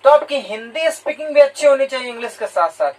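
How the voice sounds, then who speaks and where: Recorded from a distance with poor audio, a man from India speaks in a very high-pitched, expressive voice at a quick pace. As a teacher giving students a motivational talk, he explains his points, speaks straight to his listeners, and restates key words in English and Hindi.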